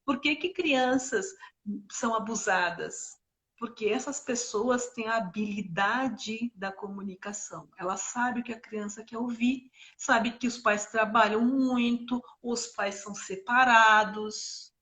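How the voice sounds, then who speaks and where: Her pitch fairly high and her pace measured, a middle-aged woman co-hosting a parenting live stream explains her ideas. She keeps it animated and casual, with lots of examples and side remarks.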